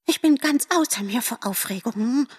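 A woman voicing a small, excitable squirrel in a storybook, talking in breathless exclamations. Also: a little high, normal speed, slightly rough, big-room sound, pitched above the performer's own voice. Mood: agitated.

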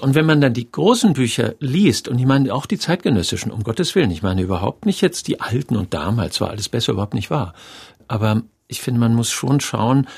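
A man's voice: mid-range voice, gravelly, slightly rough. A man in his sixties, a theater director, reflecting thoughtfully and telling stories in an interview. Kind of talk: radio interview.

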